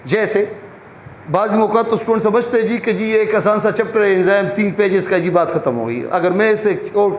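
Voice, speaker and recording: A man teaches a biology class. He asks questions and answers them himself. The room is echoey, with faint ambient noise behind him. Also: high voice. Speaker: biology lecturer. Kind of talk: classroom lecture.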